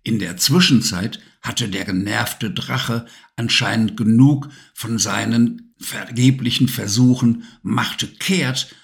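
A man reading a children's storybook aloud, calm and measured. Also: on the low side, gravelly. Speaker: narrator.

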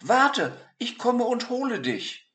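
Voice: mid-range voice, big pitch swings, slow pace, fairly bright tone, pitched above the performer's own voice. A reader voicing a shy, wondering young boy who stammers and hesitates, in a storybook read-aloud. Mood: excited. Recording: echoey room.

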